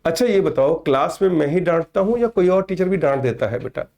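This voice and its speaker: A man's voice: on the high side, lively intonation, fairly quick, gravelly, a little mellow. A man in his fifties, a teacher chatting and teasing with students in an online class, often calling them "beta". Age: 50s.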